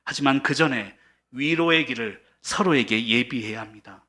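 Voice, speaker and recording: Bright-voiced earnest male pastor preaching. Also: medium pitch, moderate pace. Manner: earnest preaching, swelling to emphatic peaks. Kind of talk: sermon.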